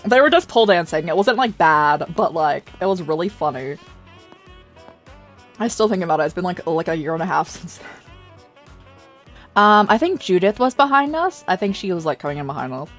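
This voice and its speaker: Woman streamer, lively swooping voice, slightly hoarse, chatty and quick to laugh, faint game music behind. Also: lowish voice. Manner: animated, reactive, laughs often. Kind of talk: casual live-stream commentary.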